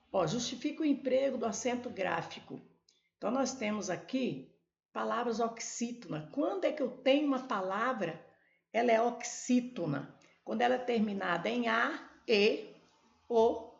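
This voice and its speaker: A woman's voice: fairly high pitch, gravelly, echoey room, dull audio. A Brazilian woman teaching a Portuguese grammar lesson for exam prep, explaining step by step and talking straight to her viewers. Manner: slow, explanatory, addresses viewers directly.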